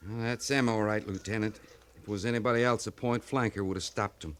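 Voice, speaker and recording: An actor playing a folksy, loyal, plain-spoken cavalry sergeant in an old-time radio western. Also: male voice, on the low side, steady tone, fast, clean tone, natural voice.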